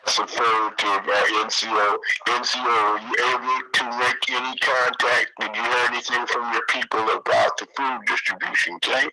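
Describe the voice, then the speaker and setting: A man's voice: mid-range voice, flat delivery, moderate pace, hardly any pauses, sharp tone. A man checking in on a radio net, heard over a two-way radio with distortion, who repeats himself and ends lines with "okay".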